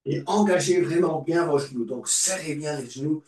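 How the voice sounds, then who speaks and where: Male yoga teacher, calm coaching voice, distant mic in a very reverberant room. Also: fairly high pitch. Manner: calm, encouraging, repeats cues slowly. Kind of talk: guided yoga class instruction. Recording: echoey room, voice far from mic.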